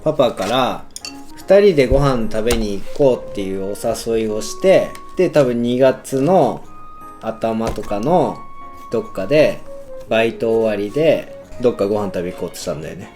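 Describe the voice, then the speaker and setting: A man's voice: fairly low pitch, lively intonation, moderate pace, dark tone. A young man chatting casually as he tells a story, often chuckling, with music playing behind him. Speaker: husband and father co-hosting a couple's chat. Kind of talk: casual chat, telling a story from their dating days. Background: background music.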